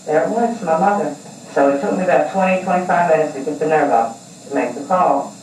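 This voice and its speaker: A woman in her forties telling her own story in an interview, earnest and halting, with a distant echoey sound from an old TV broadcast. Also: low voice, a little mellow, a little hiss or hum. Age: 40s. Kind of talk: emotional personal account.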